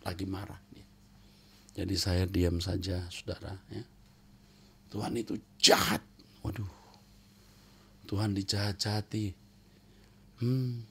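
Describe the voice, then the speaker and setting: A male pastor preaching a sermon, who swings from loud emphatic exclamations to hushed whispers and repeats phrases for emphasis. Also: low-pitched, flat delivery, measured pace, gravelly, pauses often, slightly rough. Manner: addresses listeners as "saudara", repeats phrases for emphasis.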